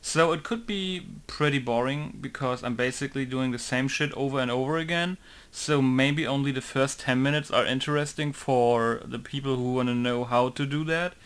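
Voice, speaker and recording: A young adult game modder talks casually through a modding tutorial in a mid-range, slightly bright voice with a clean tone. He speaks at normal speed, rambling with lots of fillers and correcting himself often.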